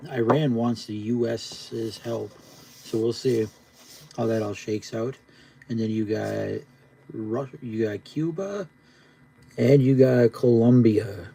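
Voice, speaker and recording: A man's voice: mid-range voice, slow, gravelly, mellow, slight background noise. A man live streaming casual, rambling chat in a laid-back stoner drawl, often repeating himself. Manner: repetitive, rambling.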